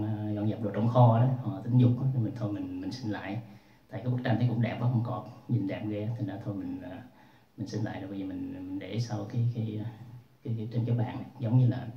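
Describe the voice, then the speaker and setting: A man telling a casual story in a rambling way, with many restarts and fillers. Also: on the low side. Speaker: vlogger. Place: room at home. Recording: roomy, distant, dull sound.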